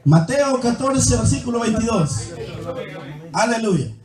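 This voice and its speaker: A man's voice: very high voice, animated, takes it slowly, crowd noise. A male preacher giving a sermon, reading scripture aloud with commentary and calling the listeners "hermano". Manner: calls the listeners "hermano" again and again. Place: church hall. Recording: echoey church hall, mic far off, faint music.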